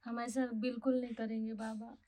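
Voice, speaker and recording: Sketch: desperate young wife begging, high voice, played by a woman. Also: level tone, moderate pace, warm tone, natural voice. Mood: pleading. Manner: pleading, distressed. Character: young wife, anxious and pleading. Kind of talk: comic sketch acting.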